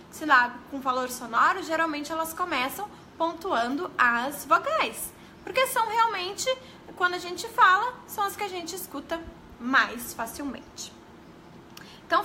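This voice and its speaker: A woman's voice: extremely high pitch, sharp tone, slight background noise. A woman teaching a live class about early literacy in a chatty way, talking straight to her viewers and often stopping to correct herself. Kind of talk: casual live-stream teaching.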